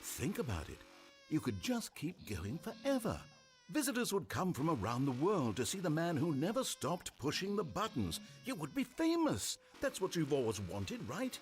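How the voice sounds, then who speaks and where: An actor playing an effusive, needling video game narrator with a grandiose, mock-earnest delivery, speaking scripted narration over the player's actions. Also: male voice, a little high, huge pitch swings, normal speed, soft background music. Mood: coaxing.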